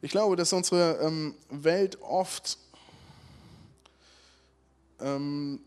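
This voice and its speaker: A man's voice: fairly high pitch, extremely slow, clean tone. A man preaching a conversational sermon, asking rhetorical questions and often checking in with his listeners. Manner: rhetorical questions, frequent "right?" check-ins.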